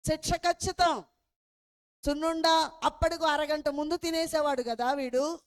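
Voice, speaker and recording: High-voiced woman preaching a story. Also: fairly even intonation, normal speed. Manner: asks the listeners rhetorical questions; calls the listeners beloved children of God. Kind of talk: storytelling sermon.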